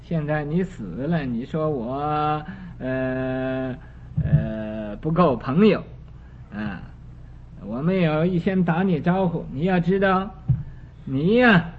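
A stern old king of the underworld, as a man puts him on in a story, speaks in a calm, measured, lecturing way. He talks slowly with many pauses. The recording is dull and lo-fi, with a faint hiss. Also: on the high side, pitched below the performer's own voice.

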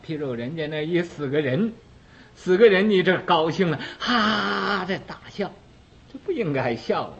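A man giving a Buddhist dharma lecture, talking slowly and deliberately with many drawn-out "ah" fillers, explaining by acting out small everyday scenes, on a dull lo-fi recording. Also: sits high, fairly bright tone. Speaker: Buddhist teacher.

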